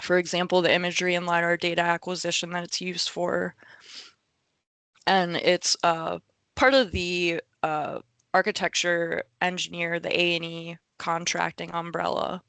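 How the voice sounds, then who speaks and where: A woman presents over a video call, stopping often on fillers as she works through her points. Her voice is smooth but strained, as if she is losing it, and her tone stays flat. The sound is close and dry. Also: on the low side, dry recording. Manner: halting, many fillers. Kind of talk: webinar presentation.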